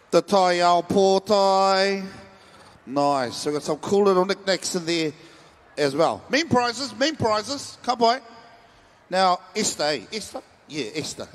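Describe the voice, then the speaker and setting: Māori kiwi guy mcing a live stage show, high voice, playful, hyping up the crowd. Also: long reverb tail. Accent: Māori New Zealand. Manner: informal, playful, calls out to audience, mixes in Māori words. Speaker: festival stage host.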